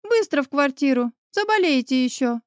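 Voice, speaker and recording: A bossy young woman who snaps out orders and brushes off worry, as a female reader voices her. The voice sits raised and quick-tempered, with a dry, close sound and no room around it. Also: sits high, expressive, dry recording, pitched above the performer's own voice. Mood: brisk, bossy. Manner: bossy, snappy. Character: brisk bossy pregnant young woman friend. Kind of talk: audiobook character voice.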